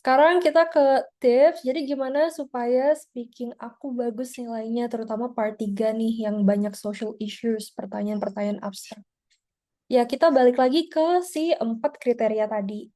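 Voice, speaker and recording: A woman's voice: a little high, normal speed, mellow. A woman teaching an online exam-prep class over a video call, explaining in a chatty way with frequent tag words. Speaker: IELTS teacher.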